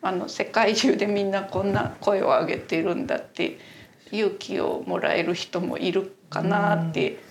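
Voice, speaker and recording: A woman's voice: medium pitch, steady tone, normal speed, gravelly, a little hiss or hum. A woman guest in a casual interview, explaining her exhibition work in a thoughtful, hesitant way.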